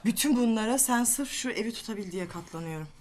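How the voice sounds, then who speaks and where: A woman's voice: a little high, animated, quick pace, darkish tone, close to an everyday voice. An actress playing an exasperated, indignant woman who is being passed off as a husband in a sitcom. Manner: indignant, protesting at her sister. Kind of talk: sitcom acting.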